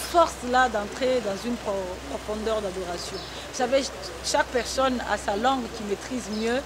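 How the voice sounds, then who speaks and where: With a crowd audible behind her in a noisy broadcast recording, a gospel singer who grew up on the Congo-Zambia border gives earnest, testimonial talk show answers and restarts hesitantly. Her voice is on the high side, at a moderate pace.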